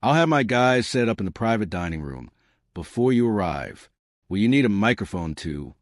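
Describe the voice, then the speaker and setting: A man's voice: on the low side, big pitch swings, normal speed, no room sound, studio quality. A man voicing a friendly, upbeat male restaurant manager in a story he narrates. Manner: cheerful and accommodating.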